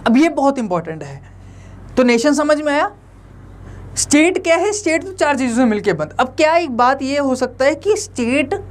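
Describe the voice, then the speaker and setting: A young man teaching an online lecture in a conversational way, often asking the viewers rhetorical questions. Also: extremely high pitch.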